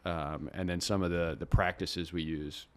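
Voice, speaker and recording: A man in his thirties, a farmer who is a guest on a podcast, explaining things in a relaxed and earnest way. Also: low-pitched, normal speed. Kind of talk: casual interview.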